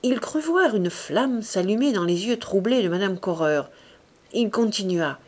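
Woman, audiobook reader, literary narration, steady, expressive. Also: mid-range voice, a little slow.

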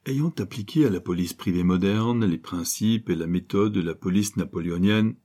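A man's voice: low-pitched, normal speed, dark tone. A man voicing a naive, pompous young private detective who gets flustered.

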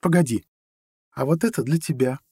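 A man reading an audiobook, voicing a playful, teasing young woman, the narrator's girlfriend, in a lighter, higher voice. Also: moderate pace, warm tone, slightly rough, no echo. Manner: light, teasing, giggly speech.

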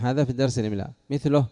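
Speaking rapid-fire in a mellow, medium-pitched voice, a man teaches his class about Arabic morphology. He breaks the rules down step by step and fires questions at his students to quiz them.

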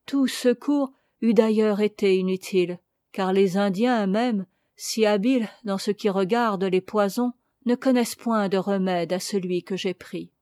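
A woman's voice: medium pitch, unhurried, warm tone, no room sound, clean studio sound, lightly acted. A woman reading the part of a passionate, despairing young woman in an audiobook, with an impassioned, pleading delivery. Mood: sorrowful.

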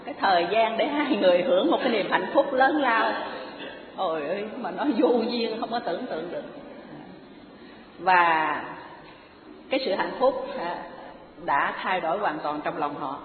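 A woman giving a Buddhist sermon, telling her story with lively humor and speaking straight to the listeners. The recording is phone-thin and echoes through a large hall with long reverb, with an audience heard clearly behind her. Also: mid-range voice, normal speed, long pauses, phone-quality sound, a crowd in the background. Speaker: Buddhist dharma teacher. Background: audience laughter.

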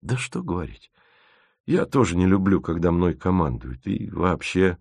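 Reader as a soft-spoken young tinkerer in an audiobook, low and hushed. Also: male voice, big pitch swings, normal speed, creaky, slightly rough, dry recording, clean studio sound, full character voice. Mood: quiet. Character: modest gentle young male tinkerer.

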